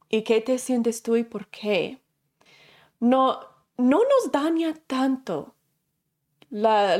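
A woman teaching a class, explaining by asking herself questions and acting out everyday examples, speaking conversationally with fillers and self-corrections. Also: fairly high pitch. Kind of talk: spoken lesson to a class.

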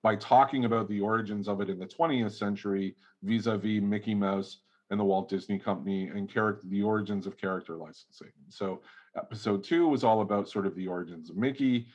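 Male podcast guest, low voice, hedging academic ramble, casual chat. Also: brisk, a little mellow, muffled recording. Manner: rambling academic explaining, many hedges. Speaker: guest toy researcher.

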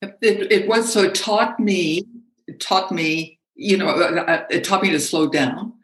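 A middle-aged woman, a speaking coach, talking animatedly as an interview guest, with frequent laughs and halting restarts. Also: lowish voice, reverberant. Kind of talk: conversational interview.

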